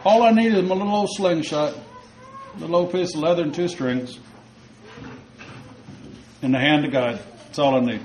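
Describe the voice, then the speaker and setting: A young shepherd speaks with calm, unshaken confidence, as a preacher voices him. The voice is slightly high and plain, steady rather than boastful. It is a story told within a sermon. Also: male voice, normal speed, long pauses, a little hiss or hum, natural voice, rough recording. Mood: confident.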